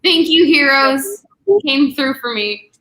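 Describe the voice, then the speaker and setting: Her voice sits high, bright-toned with lively intonation. A young booktube host, she leads a casual livestream about books, chatting away with plenty of "like" fillers and brief asides.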